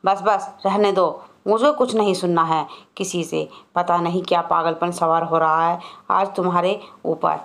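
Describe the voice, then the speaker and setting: Woman putting on a gruff village dad, snapping and fed up, voice pitched fairly low, a storybook telling. he scolds in short exasperated bursts. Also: steady tone, unhurried, few pauses. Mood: angry. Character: irritable poor village father, gruff. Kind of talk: storybook narration.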